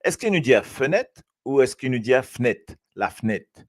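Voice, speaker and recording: A man from Mauritius, hosting a live show and reading viewers' comments aloud in a lively, chatty way. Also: medium pitch, normal speed. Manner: lively, switching between French and Creole, reading comments aloud. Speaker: host.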